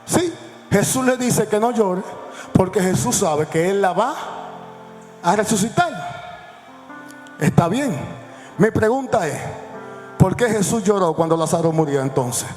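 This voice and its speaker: A male pastor preaching a sermon, swinging between hushed lines and shouts and calling the congregation to repeat after him. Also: sits high, lively intonation, unhurried, pauses often. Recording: echoey hall with faint music.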